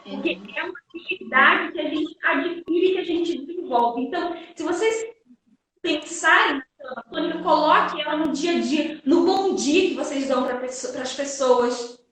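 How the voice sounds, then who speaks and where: A Brazilian woman teacher giving a lively live-stream lesson, emphatic and energetic, acting out her students' questions. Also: high-pitched, normal speed. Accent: Brazilian Portuguese. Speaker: guest teacher. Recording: echoey room, distant mic.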